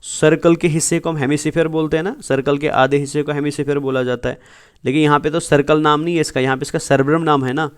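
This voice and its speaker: This male biology teacher speaks quickly in a smooth, clear voice that sits on the high side, keeping his tone steady. Lecturing over slides to prepare students for exams, he poses questions only to answer them himself and addresses students as "beta." English words and entire sentences keep slipping into his explanations.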